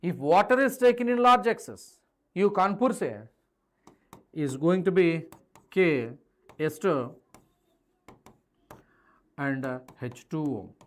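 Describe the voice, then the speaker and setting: A man's voice: on the high side, expressive, takes it slowly, long pauses. A man with an Indian accent lecturing in a live online class, emphatic and repeating key phrases, mixing English with Hindi. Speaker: chemistry teacher.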